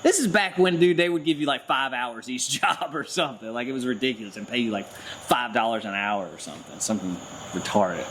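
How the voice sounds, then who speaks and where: A lively man tells a story in a casual chat. He talks at a middle pitch, is expressive and laughs easily, and acts out other people's voices. Faint ambient noise sits behind him. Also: fairly quick, rough recording. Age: 30s. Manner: animated, laughs often, acts out voices in his stories. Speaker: garage channel host.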